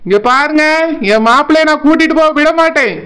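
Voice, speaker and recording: A voice actor doing a hot-headed village brother, very high. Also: quick pace, pushed and bright. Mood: defiant. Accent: Tirunelveli Tamil. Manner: defiant, blustering.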